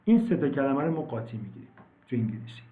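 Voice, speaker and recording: A man teaching an online English class, explaining words slowly and repeating them, with many fillers. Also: mid-range voice, big pitch swings, a little hiss or hum. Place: online video call. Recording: tinny phone-like call audio, echoey.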